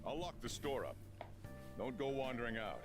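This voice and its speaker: A gruff, stern shop-owner guardian. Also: male voice, mid-range voice, sing-song, moderate pace. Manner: stern, warning. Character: gruff middle-aged male café owner guardian. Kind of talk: video game dialogue. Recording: game audio under background music.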